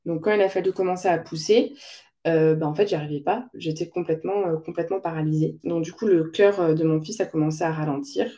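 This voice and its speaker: Young mother with a mellow, dark voice. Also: on the low side, steady tone. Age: young adult. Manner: frank, halting, with frequent restarts. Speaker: mother sharing her birth story. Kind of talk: personal testimony.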